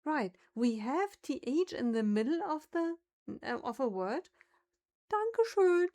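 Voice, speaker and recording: Speaking in a high voice with big pitch swings, a woman talks unhurriedly and a little mellowly. She is a German native with a German accent, casually chatting on a livestream while musing over word pronunciations.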